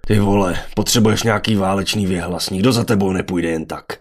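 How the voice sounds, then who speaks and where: Man doing a brash, touchy young man. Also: sits low. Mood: exasperated.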